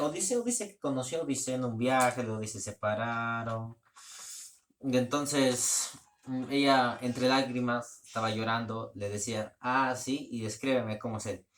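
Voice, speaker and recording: A man's voice: medium pitch, a bit bright, a little hiss or hum. A man giving a casual spoken plot summary in a loose, rambling way, often restarting his sentences. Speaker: book reviewer.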